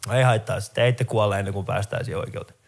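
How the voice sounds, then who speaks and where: A middle-aged man with a Finnish accent performing a stand-up comedy set, telling stories in an animated way and jumping into high voices for characters. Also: vocal fry.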